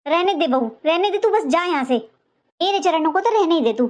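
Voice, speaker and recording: A woman voicing a sharp-tongued older mother-in-law in a cartoon, taunting and sarcastic in every line. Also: very high voice, expressive, brisk. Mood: sarcastic scolding. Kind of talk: cartoon voice acting.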